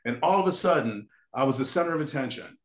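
Older interview guest from the United States, mid-pitched voice, meandering storyteller, roomy reverberant recording. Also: male voice, animated, fast. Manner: rambling, restarts sentences often. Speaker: guest, character designer. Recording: echoey room.

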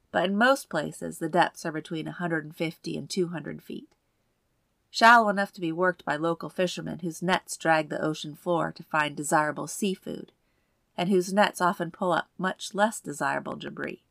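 Woman narrating suspenseful true crime, slightly creaky. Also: low voice, a bit bright, no room sound, studio quality. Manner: measured, suspenseful storytelling.

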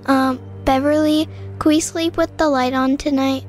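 A woman's voice: high voice, steady tone, normal speed, soft background music, natural voice. A woman voicing a timid young girl who scares easily, with anxious questions.

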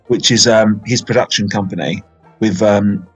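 A man's voice: fairly low pitch, fairly even intonation, moderate pace, husky, soft background music, poor audio. A man, hosting a casual film podcast and talking in a rambling, chatty way full of fillers. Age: 40s. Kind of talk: casual film chat, live-streamed.

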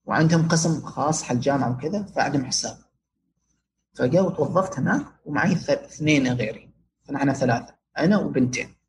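A man's voice: mid-range voice, fast talker, noisy background. A young Omani man telling personal stories casually as an interview guest, his Omani Arabic sprinkled with English words. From Oman. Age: young adult.

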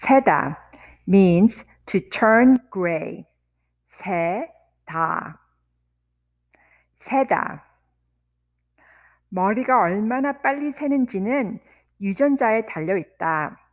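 A woman teaching vocabulary, saying each word slowly and deliberately, repeating words and sentences one piece at a time. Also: medium pitch, animated. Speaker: language teacher. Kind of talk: vocabulary lesson with repetition.

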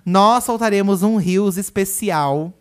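A woman with a Brazilian accent co-hosting a casual chat podcast and reading out listener comments with expressive delivery. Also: mid-range voice, slow pace. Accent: Brazilian Portuguese. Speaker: podcast co-host.

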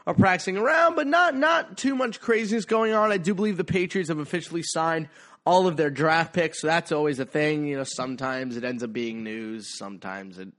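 A man hosts a podcast with a congested, stuffy-nosed voice that's on the high side and a bit bright. He talks briskly, offering casual sports commentary in a chatty, playful, emphatic manner.

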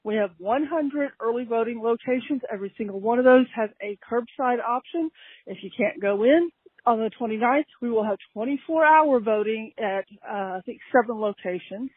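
A woman leaving a brisk voice message for a podcast, rattling off figures. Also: fairly high pitch, breathy edge, no echo. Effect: voice message played over a phone line. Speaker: podcast listener caller. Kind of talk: voicemail update. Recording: tinny dry phone line.

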